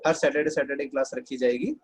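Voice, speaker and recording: A man's voice: mid-range voice, fairly even intonation, brisk, slightly rough, poor audio. A man with an Indian accent teaching an online English class, chatty and scolding students fondly.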